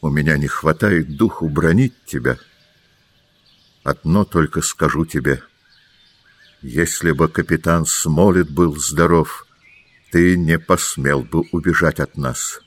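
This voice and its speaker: A man voicing a kindly, grave middle-aged doctor in an audiobook, speaking low, slow and earnest. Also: breathy edge, full character voice. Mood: sad reproach. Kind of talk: audiobook character voice.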